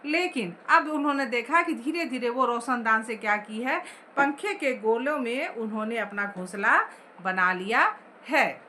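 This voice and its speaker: A woman's voice: on the high side, expressive, measured pace, sharp tone, slight background noise. A woman teacher explaining a story chapter line by line, asking the class questions as she goes.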